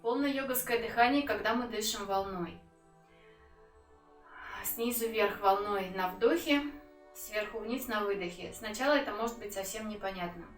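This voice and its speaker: A woman giving an instructional breathing lesson as a yoga teacher, calm and unhurried, with pauses between phrases. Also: medium pitch. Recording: roomy echo, distant mic, music.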